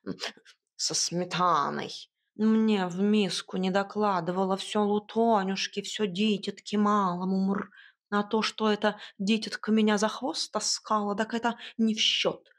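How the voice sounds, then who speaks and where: A woman's voice: mid-range voice, steady tone. A woman doing a purring, grumbling tomcat. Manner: slow, grumbling, purring between words. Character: grumbling proud male house cat. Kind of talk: audiobook character voice.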